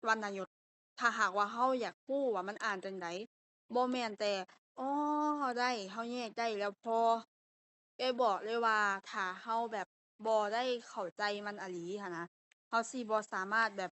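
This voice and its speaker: A woman's voice: on the high side, steady tone, normal speed, pushed and bright. A young woman tutoring a language class online, explaining step by step, repeating key terms and correcting herself aloud.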